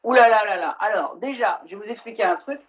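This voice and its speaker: A middle-aged actress hosting a casual live stream, talking frankly and swearing now and then over a video call. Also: female voice, mid-range voice, fast, highs cut off.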